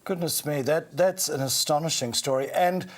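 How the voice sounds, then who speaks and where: A man's voice: a little high, normal speed. A man hosting a conversational broadcast interview, prompting his guest with interested questions and short exclamations. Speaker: host interviewing a wine maker on a shopping show.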